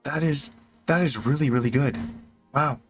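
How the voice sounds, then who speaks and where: A man running a tabletop game as game master, narrating in a relaxed, conversational way. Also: mid-range voice, moderate pace. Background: background music.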